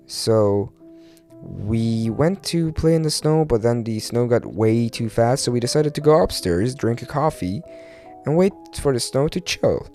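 Slow-talking Turkish man, imprecise R's and L's. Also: mid-range voice, expressive, dark tone, soft background music. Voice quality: imprecise R and L sounds. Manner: rambling, hesitant, searching for words, mild swearing. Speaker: podcast host. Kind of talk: casual solo podcast ramble.

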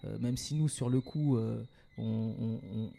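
A man with a warm, mellow voice speaks in a relaxed, casual interview. He talks hesitantly, with frequent fillers and restarts, and drops English words into his sentences. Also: fairly low pitch, measured pace, vocal fry. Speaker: guest, event organizer and entrepreneur.

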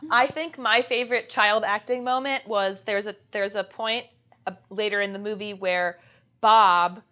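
A woman co-hosting a casual movie-review chat, retelling scenes with lively laughter. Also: mid-range voice, normal speed, dull audio. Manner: animated retelling with acted-out quotes and laughter. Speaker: podcast co-host.

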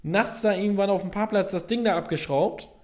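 A man co-hosting a casual podcast, telling an everyday mishap in an animated, exasperated way. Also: sits high, a little fast. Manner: animated storytelling, exasperated complaints. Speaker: podcast co-host. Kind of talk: casual chat.

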